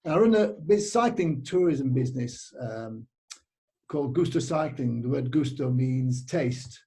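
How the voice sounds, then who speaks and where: A middle-aged British man who runs cycling tours chats casually in an interview in a mellow, medium-pitched voice with lively intonation and an unhurried pace. He rambles, using lots of fillers and restarting sentences.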